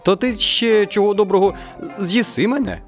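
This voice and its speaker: A man's voice: high voice, moderate pace, faint music behind, voice pushed up, close to an everyday voice. A man playing an earnest honest villager. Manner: earnest, pleading. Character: kind, honest village man pleading for justice. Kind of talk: storybook reading.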